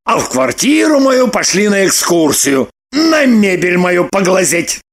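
A woman voicing a hot-tempered, sarcastic grown man in an audiobook, prone to shouting outbursts. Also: mid-range voice, very animated, unhurried. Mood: indignant. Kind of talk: audiobook character reading.

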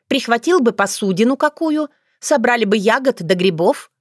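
A woman narrator voicing a cheeky, sharp-tongued young witch who talks boldly and sassily. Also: a little high, expressive, moderate pace, dry recording, studio quality, pitched above the performer's own voice. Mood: sassy. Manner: bold, sassy and indignant.

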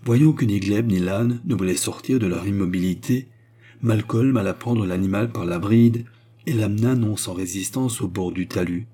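Low husky male audiobook narrator. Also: normal speed, mellow. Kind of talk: audiobook reading.

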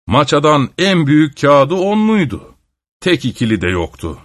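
A man narrating a folk tale as a storybook reading, in a lively, expressive manner. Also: fairly high pitch, moderate pace, no room sound, studio quality.

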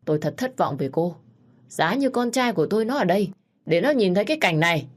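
A woman's voice: sits low, steady tone, brisk, lightly acted. A woman voicing a stern, haughty older mother-in-law with a cold, scolding manner. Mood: angry scolding.

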